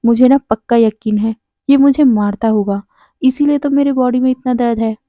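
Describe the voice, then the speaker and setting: A woman voicing a whiny, dramatic young man who complains and pleads loudly. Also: fairly high pitch, moderate pace, no echo, muffled recording, natural voice. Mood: whining.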